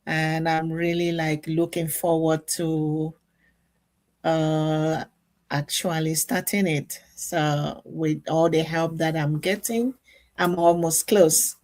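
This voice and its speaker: Woman guest on a video call, slow and kinda hesitant, lowish voice. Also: fairly even intonation, darkish tone. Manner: hesitant, with fillers. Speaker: mental health counselor, guest. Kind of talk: casual live-stream chat.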